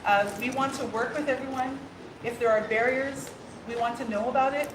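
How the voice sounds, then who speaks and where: An Irish woman with a high-pitched, steady, fairly quick voice speaks as a new princess opening a court. She's warm and laughs often, stumbling over fillers and restarts through a mix of ceremonial speech and casual exchange. The hall is echoey, with background noise.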